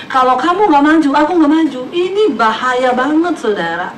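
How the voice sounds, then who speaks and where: A woman's voice: high voice, lively intonation, normal speed. A woman pastor preaching a humorous sermon, playfully acting out the voices of people in her stories and laughing often. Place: church hall with congregation. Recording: echoey hall from far off, crowd noise.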